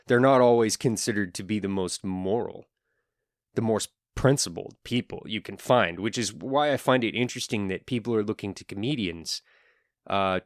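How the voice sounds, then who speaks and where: A fairly low-pitched man speaks in an earnest, lecturing solo podcast monologue. He adds wry asides along the way. The sound is dry and close-miked, with no room around it. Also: no room sound. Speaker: podcast host.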